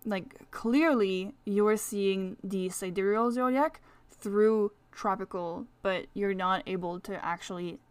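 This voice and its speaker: A woman's voice: medium pitch, takes it slowly, hardly any pauses, smooth, dry recording. A woman with a French accent hosting a casual solo podcast, talking in a rambling, chatty way full of fillers. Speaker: astrology podcast host.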